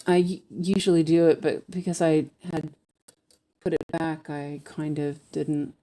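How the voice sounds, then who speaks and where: A woman hosts a relaxed craft livestream in a low, soft-edged voice. She talks slowly, meandering as she thinks aloud. Her lisp gives the s sounds a slushy, sh-like edge. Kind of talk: casual livestream chat while stitching.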